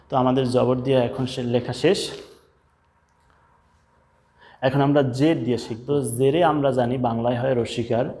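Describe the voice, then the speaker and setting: A man of middling pitch teaches a Quran reading lesson, drilling each letter sound slowly and repeating it. His voice rings with a long reverb, as if recorded in a hall. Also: dark tone. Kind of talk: step-by-step recitation lesson.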